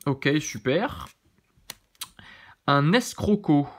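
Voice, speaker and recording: A man hosting his channel, giving casual, relaxed commentary as he opens trading cards, often thinking aloud and second-guessing names. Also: fairly high pitch, drawn-out words. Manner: relaxed, chatty, many fillers. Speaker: YouTube channel host. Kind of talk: casual card-opening commentary.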